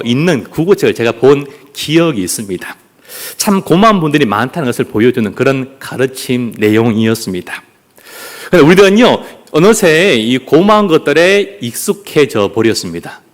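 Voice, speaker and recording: Lively, playful pastor. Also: male voice, medium pitch. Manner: playful, jokes with the congregation; leads the congregation in clapping and greetings. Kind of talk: family worship sermon.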